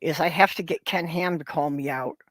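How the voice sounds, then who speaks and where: A co-host in a casual livestream chat, relaxed and joking. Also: mid-range voice, brisk, no room sound, studio quality.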